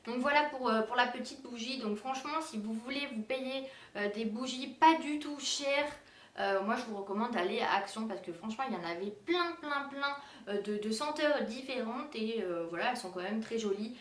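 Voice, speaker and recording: A woman's voice: a little high, moderate pace. A young woman chatting casually through a shopping haul, hesitant, with many fillers. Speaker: beauty and decor vlogger. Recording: roomy echo, distant mic.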